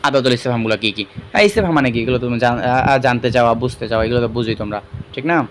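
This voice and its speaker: A man teaching an online madrasa lesson. He explains step by step, repeats key terms and often pauses on fillers. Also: mid-range voice, a little hiss or hum. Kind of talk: online exam-prep lesson.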